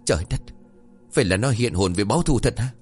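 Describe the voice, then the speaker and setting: A man's voice: on the low side, animated, fast talker, husky, soft background music. A man voicing a harsh young master who killed his wife, speaking in a curt, commanding way.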